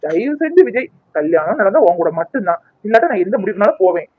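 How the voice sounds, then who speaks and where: A man's voice: high voice, very animated, fast, no echo, phone-quality sound. A man voicing a young man in a cartoon, a spurned ex-lover who is mocking, sarcastic and scheming. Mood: bitter, mocking.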